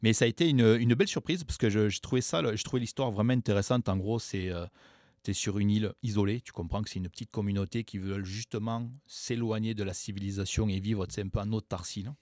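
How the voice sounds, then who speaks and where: A man's voice: lowish voice, quick pace, a little mellow, dry recording. A man co-hosting a radio show, casually and chattily retelling a film plot in a studio.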